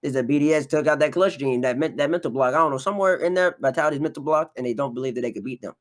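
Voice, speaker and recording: Fast-talking confident man on esports. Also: fairly high pitch. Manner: confident, boastful, rapid talker. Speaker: guest analyst. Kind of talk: casual esports podcast chat.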